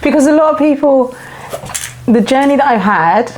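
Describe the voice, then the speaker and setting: A woman's voice: high-pitched, animated, normal speed, a little mellow, a little hiss or hum. A woman in her forties, a guest on an interview show, telling her personal story in a candid, reflective way. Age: 40s. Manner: reflective, open, speaks in short flowing phrases.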